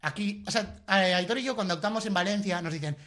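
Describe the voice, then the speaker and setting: Host in his thirties, bright high voice, teasing and loud. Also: quick pace. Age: 30s. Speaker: comedy podcast host. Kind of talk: casual comedy chat.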